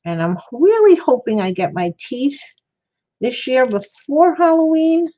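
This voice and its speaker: A woman hosts a craft livestream at an indoor worktable, chatting casually and thinking aloud as she demonstrates. Her voice is high-pitched and sing-song with a dark tone, unhurried, and her articulation is slightly mushy and toothless. The recording sounds lo-fi.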